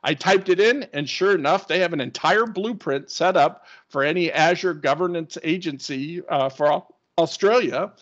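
A man's voice: a little high, normal speed, hardly any pauses, fairly bright tone. A man presenting a screen-share tech webinar, explaining in an enthusiastic, conversational way. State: hiccups. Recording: dull lo-fi webinar audio.

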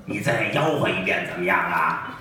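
A man with a Beijing accent voicing a pompous old Qing official who speaks slowly and self-importantly, on an echoey stage recording. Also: deep voice, expressive, pushed and bright, a little hiss or hum, pitched below the performer's own voice. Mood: condescending. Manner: slow, drawn-out, self-important. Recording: echoey stage audio from far off.

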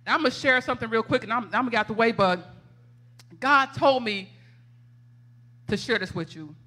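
Woman preacher, bright and forceful, tells stories with laughter. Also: fairly high pitch, a little fast. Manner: animated, laughing storyteller, conversational. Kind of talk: testimony sermon. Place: church sanctuary.

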